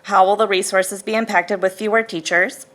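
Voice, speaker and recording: A woman's voice: medium pitch, fairly even intonation, normal speed, a bit bright. A woman reading her prepared remarks steadily during public comment at a school board meeting.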